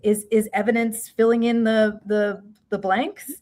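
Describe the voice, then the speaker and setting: A woman with a New York accent, a guest expert in an interview, talking in halting starts and restarts with frequent tag questions. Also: mid-range voice, flat delivery, darkish tone. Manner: halting, many fillers and restarts, "right?" tags. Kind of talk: interview conversation.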